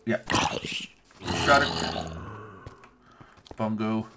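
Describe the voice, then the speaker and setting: A man giving casual let's-play commentary on his game, playful and quick to gush with delight. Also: lowish voice, fairly even intonation, heavy background noise. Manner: playful, gushes with delight, says "yoink" and "bam". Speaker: gameplay commentator.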